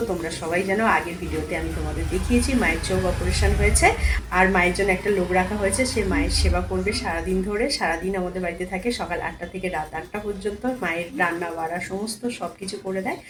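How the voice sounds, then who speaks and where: A woman's voice: lowish voice, steady tone, quick pace, background noise. A woman hosting a casual family vlog, chatting informally to viewers at home.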